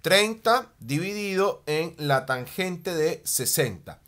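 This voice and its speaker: A man teaching a math lesson at a board, animated, often checking in with a quick "ok?" and slowing down on key terms as he writes. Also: on the high side. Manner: slows down and stretches key terms while writing.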